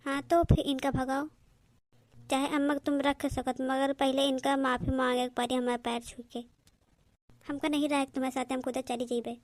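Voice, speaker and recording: A woman voicing an arrogant, scheming younger daughter-in-law with an Awadhi accent and a sharp, bossy manner. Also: high-pitched, flat delivery, normal speed, no room sound, natural voice. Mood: gloating.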